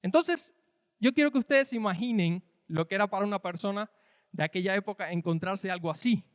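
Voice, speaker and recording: A man's voice: sits high, fairly quick, no room sound, in a large hall. A man from Cuba with a Cuban Spanish accent, preaching a sermon in an explanatory, conversational way with rhetorical questions. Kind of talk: sermon teaching.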